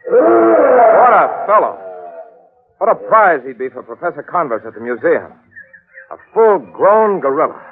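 An actor playing a driven, fevered explorer in 1940s radio drama style, eager and animated. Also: male voice, high voice, a little slow, gravelly, long pauses, heavily acted. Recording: tinny old radio broadcast recording.

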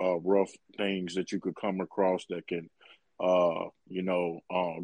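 A man hosting a podcast, asking loose, relaxed questions with many fillers in a casual interview. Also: low voice, dry recording, low-quality recording. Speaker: podcast host.

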